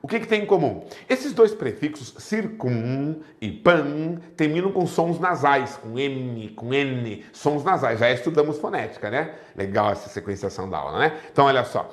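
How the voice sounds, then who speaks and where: A man with a Brazilian Portuguese accent teaching a lively exam-prep grammar lesson, often asking rhetorical questions. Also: mid-range voice, moderate pace, hardly any pauses.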